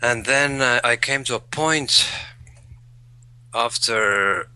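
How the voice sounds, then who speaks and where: Speaking slowly in a clear, resonant mid-range voice with a sharp tone, this interview guest thinks carefully and repeats words as he looks for the right phrasing. He is an English learner whose first language is Latvian, and the talk is a conversational interview.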